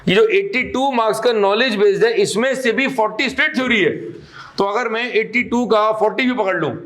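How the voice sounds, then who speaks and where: High-voiced man scolding a class. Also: fairly quick, fairly bright tone. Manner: scolding, emphatic, mixes English terms. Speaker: teacher. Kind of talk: classroom lecture.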